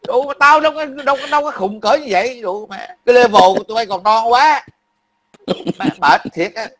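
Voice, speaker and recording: Talking a little fast, a male livestream commentator with a sharp, high-pitched voice delivers an angry, profane political rant. He keeps repeating the same phrases, and under all the heat sits a tired, grumbling weariness.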